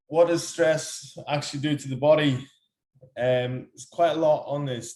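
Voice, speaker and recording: A young man with an Irish accent giving a casual, chatty workshop talk, rushing along with lots of ums and restarts. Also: medium pitch, a little mellow, reverberant. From Ireland. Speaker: workshop speaker. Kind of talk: casual presentation on a video call.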